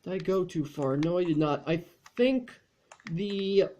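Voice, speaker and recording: A man's voice: high-pitched, expressive, measured pace, dark tone, muffled recording. A man chatting casually over gameplay as a channel host, rambling along with frequent fillers and restarts.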